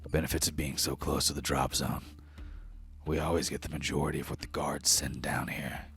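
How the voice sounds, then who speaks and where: A man's voice: a bass voice, level tone, a little fast, gravelly, a bit bright, slightly rough, exaggerated voice. A man voicing a boastful, streetwise lizardfolk gang member in a tabletop game.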